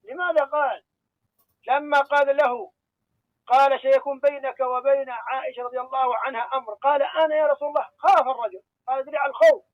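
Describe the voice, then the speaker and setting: High-voiced man over a dull line. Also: steady tone, fast, dry recording. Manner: explanatory, pleads to finish his point. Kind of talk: religious debate.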